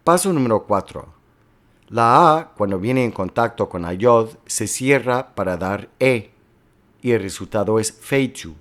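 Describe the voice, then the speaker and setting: Low-voiced man giving a calm lecture. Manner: slow, careful, explanatory delivery with worked examples. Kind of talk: recorded lecture on historical linguistics.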